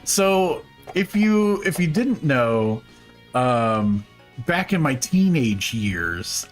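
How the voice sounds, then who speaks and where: A man's voice: fairly high pitch, big pitch swings, very slow, soft background music. A man hosting a casual live game stream, chatting in a playful, rambling way with many fillers. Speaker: streamer host.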